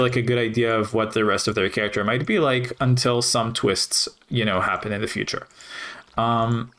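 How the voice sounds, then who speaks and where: Man, casual gameplay commentary, rambling, lots of ums and likes, mid pitch. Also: fairly bright tone. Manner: rambling, thinks aloud with many fillers. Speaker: gaming video host.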